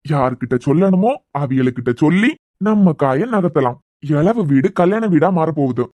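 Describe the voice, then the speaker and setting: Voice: animated, moderate pace, darkish tone, no room sound, natural voice. A man voicing a gloating cartoon villain, Kanyakumari accent. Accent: Kanyakumari Tamil. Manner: sly, low gloating murmur with a smug laugh. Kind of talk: cartoon voice acting.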